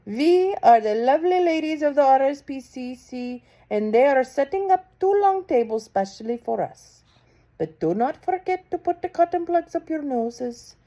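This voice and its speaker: A cruel old witch queen, as a woman reader puts her on snaps out her orders in a high, piercing voice. Her commands jump sharply up and down. She is loud, sweeping and imperious. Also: lively intonation, normal speed. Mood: commanding.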